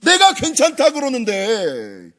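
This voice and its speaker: A man's voice: very high voice, wildly swooping pitch, takes it slowly, a bit bright, voice pushed up, heavily acted. A man voicing God as a blunt, familiar figure who brushes off a believer's guilt. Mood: brusque. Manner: brusque and familiar, calls out "야". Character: blunt, reassuring God scolding a doubting believer.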